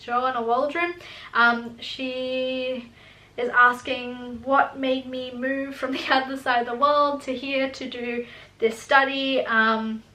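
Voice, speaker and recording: A woman's voice: high voice, flat delivery, slow, bright, forceful tone. A woman of twenty-one, chatty and laughing often as she answers viewers' questions in a casual vlog. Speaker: student vlogger. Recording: echoey room.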